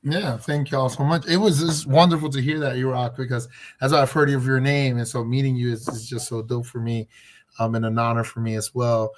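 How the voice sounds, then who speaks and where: A man's voice: mid-range voice, level tone, fairly quick. A man from Colombia, a guest on a video call, telling his story in a reflective, casual way with many fillers and restarts.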